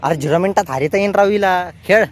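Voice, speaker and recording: A man's voice: high voice, fast talker, a little hiss or hum. A man, giving chatty, teasing vlog commentary outdoors. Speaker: vlogger.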